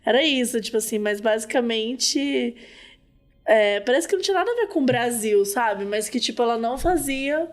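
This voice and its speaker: Brazilian woman host, gossipy and giggly, fairly high voice. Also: lively intonation, moderate pace. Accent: Brazilian Portuguese. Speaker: podcast host. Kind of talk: casual chat.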